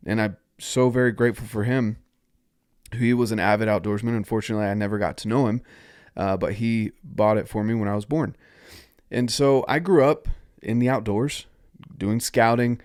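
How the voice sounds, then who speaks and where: Stuffy-nosed from a cold, a North Carolina man runs his own podcast with cheerful encouragement, urging his audience to take part. He has a lowish, slightly mellow, smooth voice, captured at studio quality without echo.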